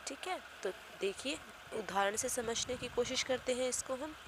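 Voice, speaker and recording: A woman's voice: fairly high pitch, moderate pace, background noise. A woman teacher giving a grammar lesson to young children, explaining patiently and repeating key points. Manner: patient, repetitive explaining with frequent "ठीक है".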